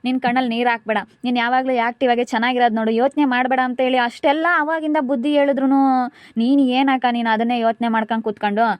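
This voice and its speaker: A woman's voice: on the high side, fairly even intonation, rapid-fire, no room sound, lightly acted. A woman with a rural central Karnataka Kannada accent playing a devoted younger sister who pleads insistently with her crying elder sister, in an amateur village drama. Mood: pleading.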